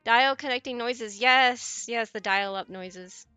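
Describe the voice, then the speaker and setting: Forties woman streamer, bright crisp voice, dry close sound, rambly chat. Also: on the high side, slow, no room sound, faint music behind. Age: 40s. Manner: rambling, self-correcting, laughs often. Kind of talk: casual chat with viewers.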